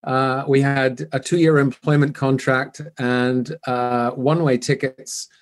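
An older Canadian man with a mild accent appears as a guest in a business interview. He speaks in a measured way, often saying "um," with a mid-range voice and a level tone.

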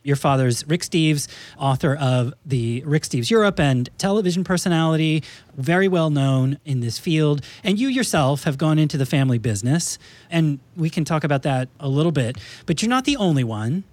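A man's voice: on the high side, animated, moderate pace, a little mellow, no echo. A man hosting a casual podcast chat from a studio, introducing guests in a playful, teasing manner. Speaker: podcast host.

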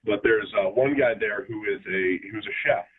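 A man calling in as a guest football analyst, talking in a relaxed way with many fillers. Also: lowish voice, moderate pace. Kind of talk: phone-in interview. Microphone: phone. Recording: tinny phone line.

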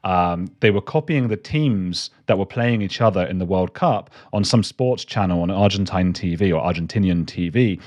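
A man's voice: deep voice, normal speed, hardly any pauses, a little mellow. A man, a documentary maker, telling rambling, self-deprecating stories in a casual chat as a guest.

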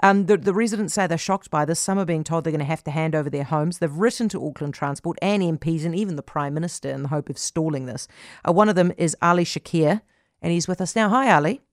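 A woman hosting a radio talk interview, brisk and outspoken. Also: sits low, no room sound, clean studio sound. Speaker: radio host.

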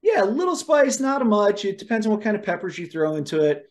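A man hosting a casual chat, telling animated stories about cooking wild game and laughing often. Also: sits high, fairly quick. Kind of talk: casual conversation.

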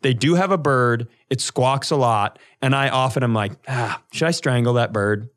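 Medium in pitch and a bit bright, the man's voice runs at normal speed. He co-hosts a podcast, joking around casually while cursing freely and acting crudely, mock-indignantly offended.

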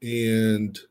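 A man talking as a guest on a sports podcast, excitable and casual, repeating phrases for emphasis. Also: lowish voice.

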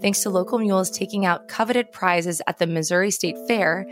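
A woman's voice: mid-range voice, moderate pace. An American woman co-hosting a podcast, reading scripted narration as a true crime narrator. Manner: true crime narrator, posing dramatic questions. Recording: music behind the voice.

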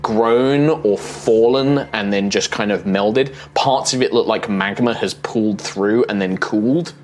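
A man working as game master, narrating a tabletop role-playing game with measured, atmospheric description. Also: lowish voice, a little hiss or hum.

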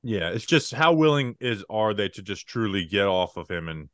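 Young dude co-hosting sports talk, low voice, lots of "like", lively, dry mic. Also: male voice, moderate pace, no room sound. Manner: casual, filler-heavy with lots of "like". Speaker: podcast co-host.

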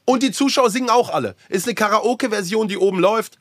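A man's voice: sits high, quick pace, no room sound, studio quality. A man co-hosting a podcast game show, bantering in a boisterous, joking way. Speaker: podcast co-host. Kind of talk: casual banter.

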